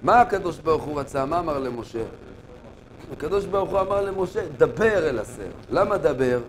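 A man preaching as a rabbi, telling stories with lively acted-out dialogue and questions to his listeners. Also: fairly high pitch, a little hiss or hum. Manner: animated storytelling, acting out dialogue, addressing listeners directly. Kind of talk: sermon.

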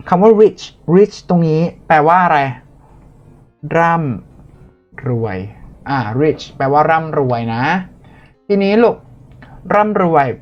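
A man tutoring students in a chatty, playful way, talking through each answer and correcting his own slips. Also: fairly high pitch. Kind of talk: online tutoring lesson. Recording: dull lo-fi audio with faint music.

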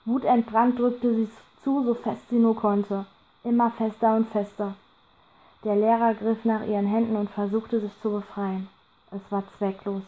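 Woman narrating an audiobook, mellow voice. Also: a little high, level tone, moderate pace, poor audio.

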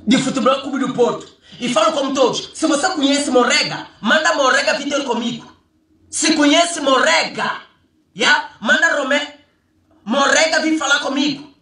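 Recorded at a distance in an echoey room, this male vlogger speaks at a moderate pace with an extremely high pitch and sharp tone. His rant is emphatic and mocking, built on repeated rhetorical questions.

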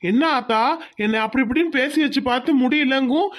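A woman's voice: sits high, lightly acted. A woman doing a stern, proud village farmer. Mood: defiant. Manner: stern, demanding, slow. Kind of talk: cartoon voice acting.

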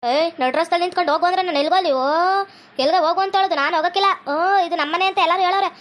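A coy, whiny husband who poses as a woman, played by a woman. The voice sits very high and the words tumble out fast. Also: fairly bright tone. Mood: defiant.

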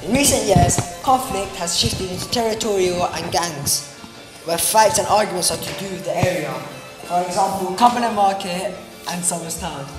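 Earnest documentary narrator over hip hop. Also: female voice, lowish voice, normal speed. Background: hip hop music.

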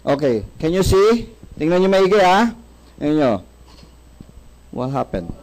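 Lively Filipino man quizzing a crowd. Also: on the high side, a little slow, rough recording. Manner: asks the audience questions and answers them himself, joking, mixes English in. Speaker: product presenter. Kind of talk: sales seminar talk to a live audience.

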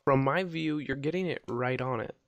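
A man's voice: medium pitch, normal speed, fairly bright tone, no echo. A man chatting casually over a let's-play game, easygoing and curious. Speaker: gameplay commentator.

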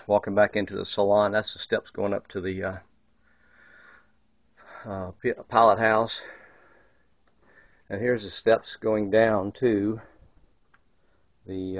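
Filming a boat tour indoors on a yacht, this man casually guides viewers through the small wood-paneled cabins, rambling with fillers and false starts. His voice is gravelly and a bit low. The recording, made on a handheld camera mic, is dull lo-fi camcorder audio with a little hiss or hum.

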